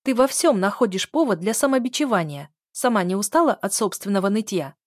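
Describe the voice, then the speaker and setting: A woman's voice: mid-range voice, expressive, moderate pace, no echo, studio quality, voice pushed up, natural voice. A woman reading an audiobook voices a dismissive sister with a sneering, mock-sympathetic manner. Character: mocking dismissive younger sister.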